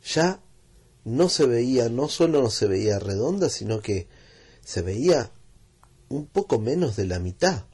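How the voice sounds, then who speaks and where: A man's voice: mid-range voice, very animated, measured pace, a little mellow, breathy edge. A man narrating a children's story in a playful, repetitive rhythm.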